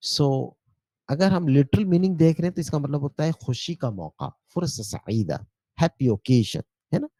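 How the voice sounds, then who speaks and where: A male teacher giving a spoken language lesson, explaining patiently, repeating words slowly and often asking checking questions. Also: on the high side, lively intonation, dark tone, dry recording. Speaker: Arabic teacher.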